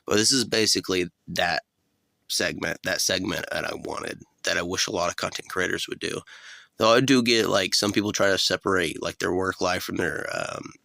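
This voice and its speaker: A man's voice: low-pitched, normal speed, creaky, bright, forceful tone, no room sound. A man talking in a casual, rambling solo vlog, laid-back and unscripted, with some offhand swearing. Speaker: vlogger.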